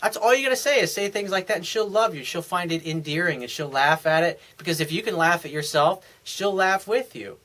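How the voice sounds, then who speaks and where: His high, somewhat bright voice is expressive and a bit fast, with few pauses, as this male dating coach rants through a viewer's question. The advice is blunt and emphatic, laced with swearing, and he restarts and repeats phrases constantly.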